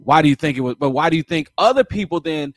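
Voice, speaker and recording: Male host, animated storyteller, laughs easily; slightly high voice, dry close sound. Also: fast talker, no room sound. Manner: animated storyteller who acts out quotes with laughs. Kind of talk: casual chat.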